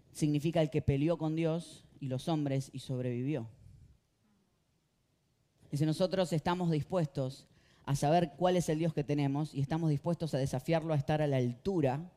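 A male pastor with a Rioplatense Spanish accent, preaching a sermon with passion and swinging between quiet talk and loud outbursts. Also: a little high. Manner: impassioned, swings from quiet to shouting.

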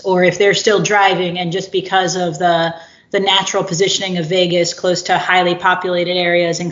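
A woman's voice: fairly low pitch, highs cut off. A woman hosting a casual interview, curious and thinking aloud as she asks questions. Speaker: podcast host.

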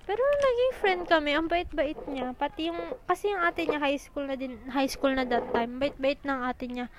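A young woman telling school stories in a casual, chatty, animated way, a little out of breath. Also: high voice, rough recording. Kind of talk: casual storytelling.

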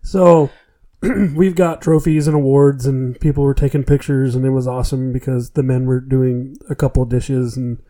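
A man's voice: mid-range voice, fairly even intonation, normal speed, dark tone. A man hosting a casual podcast, joking and laughing as he tells stories. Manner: jokey, laughing between phrases.

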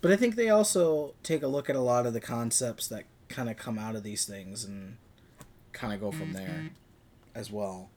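A man talking casually about films as a podcast co-host, often halting as he searches for details. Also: mid-range voice, a little mellow, faint music behind. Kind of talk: casual film discussion.

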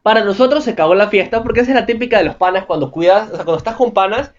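A man reading out viewer anecdotes and riffing on them with crude, excitable slang in a comedic vlog. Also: high-pitched, racing, dull audio.

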